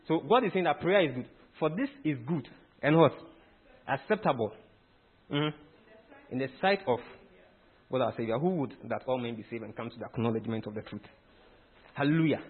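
A man preaches a teaching sermon in a slightly high, husky voice. He is emphatic and keeps quizzing his listeners with questions. The sound is thin and tinny, like a phone line.

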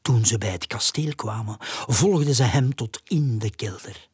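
A storyteller reading a children's storybook aloud with a breathy voice and hushed, half-whispered narration. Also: mid-range voice, unhurried, dry recording, studio quality.

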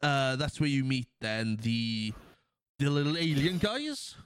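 A man speaks slowly in a clean, mid-range tone, recorded in a studio with no echo. Hosting a podcast while sniffling from a cold, he gives an animated, scene-by-scene recap of a movie, acting out quotes and laughing frequently.

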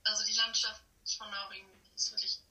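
Her voice is medium in pitch with a level, sharp tone and a slightly fast pace. A German teenager being interviewed as an exchange student, she chats casually, effusive and self-deprecating, on a remote call with an echoey, distant sound.

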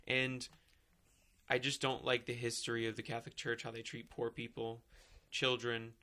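A man's voice: mid-range voice, monotone, normal speed, bright, forceful tone. A man in casual chat who talks bluntly, swears freely and makes sarcastic jokes.

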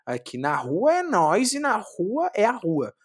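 A young man from Brazil, a street clown, telling his story in a casual interview, lively, swearing often and acting out what he said back then. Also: high-pitched, unhurried, husky. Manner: animated, swearing, acts out his own past words.

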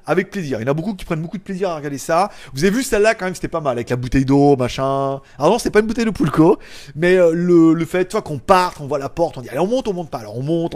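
A man chatting casually on a live stream, reading viewers' comments and joking, loud one moment and mumbling the next. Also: fairly high pitch. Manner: loud, jokey, trails off into mumbles and chuckles. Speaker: tech YouTuber hosting a live stream. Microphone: small clip-on mic.

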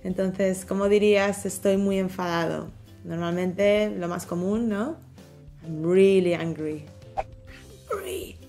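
A woman's voice: medium pitch, animated, slow pace, mellow, soft background music. A woman co-hosting a vocabulary lesson, leading with conversational prompting questions. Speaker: co-host.

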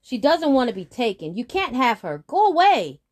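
A woman voicing a brave, defiant little boy who shouts his refusals in a high voice. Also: big pitch swings, normal speed. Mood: bold.

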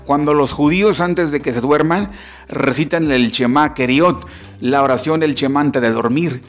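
A man giving a religious lecture, explaining scripture step by step and often asking his listeners rhetorical questions. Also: a little high.

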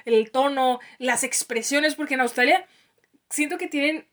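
A woman's voice: high voice, normal speed, a bit bright. A young woman with a Mexican accent co-hosting a casual podcast, chatty and laughing often. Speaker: podcast co-host.

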